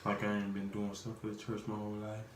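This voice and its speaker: A man's voice: on the low side, monotone, quick pace. A nineteen-year-old man chiming in with short, teasing remarks beside his girlfriend. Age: teens. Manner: brief interjections, teasing. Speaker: vlogger's boyfriend, co-host. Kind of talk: casual chat. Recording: roomy echo, distant mic, faint noise.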